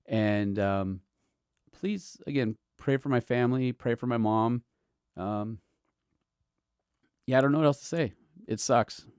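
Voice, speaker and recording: A middle-aged man and podcast host, from Southern California, sharing fond, halting memories in a personal tribute, with soft laughs between thoughts. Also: mid-range voice, clean tone, no echo, clean studio sound. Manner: halting, tender, fond laughs while reminiscing. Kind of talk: personal tribute, emotional storytelling.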